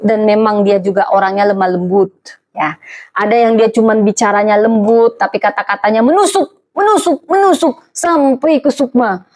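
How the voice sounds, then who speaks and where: A middle-aged woman pastor with a Batak Indonesian accent preaching a sermon, forceful and animated, acting out little voices with playful asides. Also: mid-range voice.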